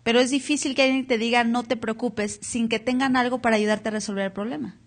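A woman's voice: fairly high pitch, fairly even intonation, fast talker. A woman pastor preaching a live church sermon, asking the congregation to read along and repeat words aloud. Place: church hall, captured live.

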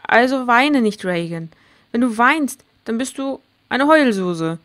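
A woman's voice: fairly high pitch, expressive, measured pace, a bit bright. A woman reading as a blunt, stubborn girl. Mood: coaxing. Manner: blunt and earnest. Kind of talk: reading game dialogue aloud.

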